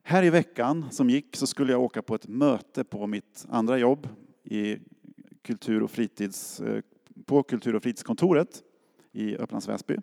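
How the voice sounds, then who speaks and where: A man's voice: medium pitch, creaky, warm tone. A middle-aged man from Sweden preaching a sermon as a pastor, in a casual storytelling way that acts out quotes. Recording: long hall reverb.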